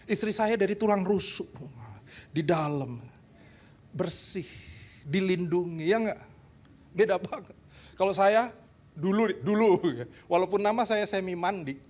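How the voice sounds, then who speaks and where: A man from Indonesia, a pastor preaching a church seminar sermon with humor, teasing his congregation and talking in an animated way. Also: high-pitched, measured pace, long pauses. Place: church hall.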